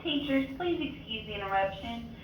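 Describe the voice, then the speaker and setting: A woman making a polite, formal school intercom announcement, repeating her message, heard over a loudspeaker in a classroom. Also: fairly high pitch, animated, moderate pace, a little hiss or hum. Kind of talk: public address announcement. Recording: echoey distant loudspeaker in classroom.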